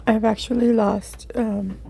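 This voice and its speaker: A woman hosting an eat-with-me video, chatting casually in an unhurried, halting way as she thinks aloud. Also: on the high side, little pitch movement, creaky, warm tone, husky. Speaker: mukbang video host. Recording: faint background noise.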